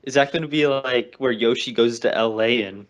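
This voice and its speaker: A male podcast co-host chatting casually about games. He rambles, jokes, and often backtracks on what he just said, in a voice of ordinary pitch. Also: moderate pace. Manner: rambling, jokey, self-correcting. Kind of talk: casual chat.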